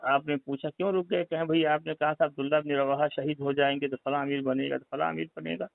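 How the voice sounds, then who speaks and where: The voice is on the high side, a little fast and creaky, with flat delivery and no room sound. Over a recorded phone line, this man presses a religious group member in a dogged argument about religion, firing off repeated leading questions.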